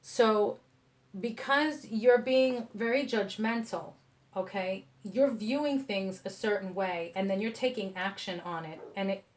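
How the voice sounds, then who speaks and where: A woman's voice: mid-range voice, a little slow. Blunt New woman reading tarot. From New York. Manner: blunt and passionate, keeps asking "okay?". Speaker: tarot reader. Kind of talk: casual tarot reading to camera.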